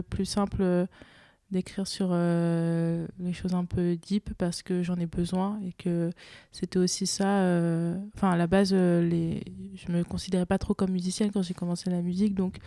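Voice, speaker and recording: A woman's voice: lowish voice, warm tone, dry recording. A young woman, a singer and guitarist, chatting in an interview, hesitant with many fillers and restarts. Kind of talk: casual interview chat.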